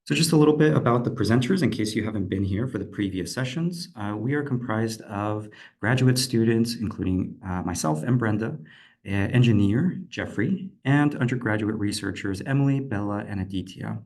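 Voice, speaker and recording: A young man with a lowish voice walks an online audience through a lecture. He explains steadily over a video call, with the odd filler. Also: moderate pace, darkish tone. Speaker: PhD candidate presenter. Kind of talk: presenting a lecture.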